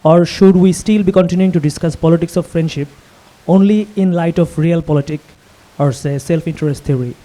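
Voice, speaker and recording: A man in the audience puts a long question to the panel in formal, academic wording. His voice is slightly high in pitch but very dark and mellow. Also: fairly quick, rough recording. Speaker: audience member asking a question.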